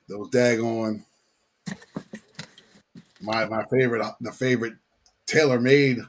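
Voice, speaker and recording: A man's voice: lowish voice, husky. A man chatting casually as host in a slangy, laid-back way, often repeating his phrases. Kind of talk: casual chat.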